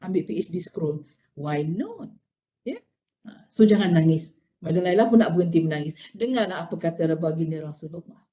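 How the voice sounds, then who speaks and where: A middle-aged Malaysian woman giving an expressive motivational university lecture, mixing Malay and English with many rhetorical questions. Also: fairly low pitch, normal speed, a little hiss or hum.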